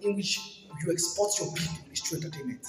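A woman's voice: on the low side, lively intonation, fast, over music. Nigerian woman explaining stuff in a chat, emphatic, repeats herself, really echoey and off the mic. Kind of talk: casual explaining in conversation. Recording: very echoey hall, distant mic.

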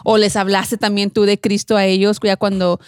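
A woman's voice: mid-range voice, flat delivery, moderate pace, dry recording, studio quality. A woman co-hosting an interview, asking the guest curious follow-up questions. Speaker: co-host. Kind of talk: casual interview chat.

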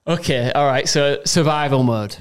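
A man co-hosting a casual gaming podcast, excitable and quick to shout in disbelief. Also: mid-range voice, clear, resonant tone. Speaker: podcast co-host. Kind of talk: casual chat.

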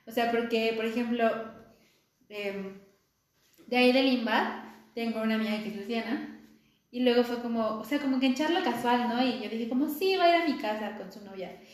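A young Mexican woman chatting casually as a podcast guest, relaxed and slangy, telling anecdotes with a laugh. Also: a little high, moderate pace. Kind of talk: casual chat. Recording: very echoey room with faint noise.

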